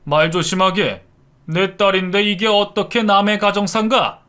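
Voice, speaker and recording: A man voicing a stern, protective older gentleman in a storybook narration. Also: high voice, fairly even intonation, moderate pace, clear, resonant tone, pitched above the performer's own voice. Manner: stern, commanding.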